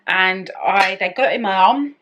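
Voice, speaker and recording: A woman's voice: medium pitch, normal speed, fairly bright tone, lo-fi sound, slight background noise. A woman vlogger telling a personal story in casual, chatty speech, rambling and often breaking off to restart her sentences. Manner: rambling, self-interrupting. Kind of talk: casual story-time chat.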